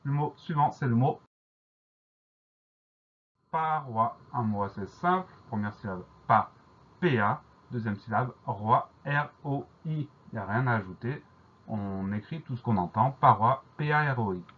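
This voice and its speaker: Husky man spelling words out slowly. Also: medium pitch, lively intonation, phone-quality sound. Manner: slow, deliberate letter-by-letter spelling. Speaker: teacher. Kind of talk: spelling dictation lesson.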